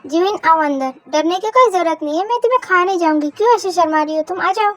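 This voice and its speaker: A woman's voice: very high voice, lively intonation, quick pace. A woman voicing a fussy, doting middle-aged mother-in-law who coaxes a shy girl in a fan-fiction voice story. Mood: coaxing. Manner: fussy, coaxing.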